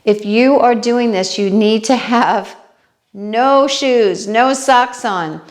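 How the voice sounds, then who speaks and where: A woman with a New York accent demonstrating balance exercises, chatty and unhurried, checking in with viewers as she goes. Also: fairly high pitch. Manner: unhurried, talks while demonstrating moves. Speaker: fitness instructor.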